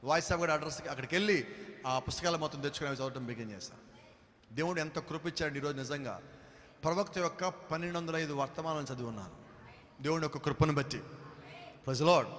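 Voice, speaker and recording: A male pastor from India giving his testimony as a sermon, telling the story lively and acting out the dialogue of the people in it. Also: a little high, fast. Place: church hall. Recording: long church-hall reverb.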